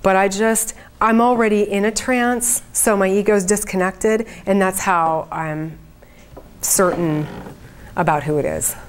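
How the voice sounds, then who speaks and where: Female speaker, mid pitch, conversational and earnest, presenting to a small group as a spiritual channeler. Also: fairly even intonation, measured pace, a little hiss or hum. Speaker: trance channeler leading a group event. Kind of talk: informal spoken talk to an audience.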